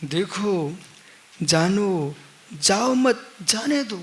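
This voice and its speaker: A man giving a live religious sermon as a monk, teaching slowly with repeated refrains and rhetorical questions, his voice swinging from loud emphasis down to near-hushed lines. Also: high-pitched, expressive, gravelly. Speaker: monk preacher.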